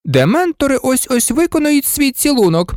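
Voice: high-pitched, big pitch swings, normal speed, a little mellow, dry recording, clean studio sound, voice pushed up. A reader voicing a fussy, bossy middle-aged school nurse in a storybook, scolding and insistent. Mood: fussing.

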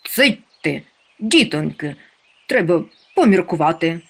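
A woman voicing a kindly fatherly storybook creature who explains things calmly. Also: lowish voice, unhurried, creaky, slight background noise, full character voice. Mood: soothing. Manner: calm, explaining.

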